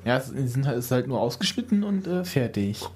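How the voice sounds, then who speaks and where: A man's voice: mid-range voice, very animated, fairly quick, darkish tone. A young man in casual chat, explaining phone cases with many hesitations.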